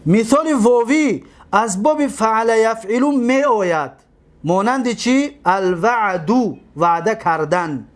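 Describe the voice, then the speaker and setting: A man with a Tajik accent teaching a grammar lesson, drilling word forms slowly and answering his own questions. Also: high-pitched, animated. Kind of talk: classroom lecture, explaining grammar.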